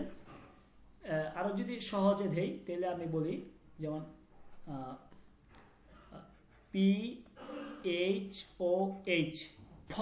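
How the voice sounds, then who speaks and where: A man teaching an online language class, patiently repeating sounds and checking that students understand. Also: very high voice. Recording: roomy echo.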